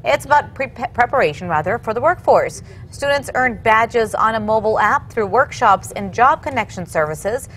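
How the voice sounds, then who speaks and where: A woman's voice: on the high side, lively intonation, moderate pace, a bit bright, soft background music. A woman working as a news anchor, reading scripted television news stories.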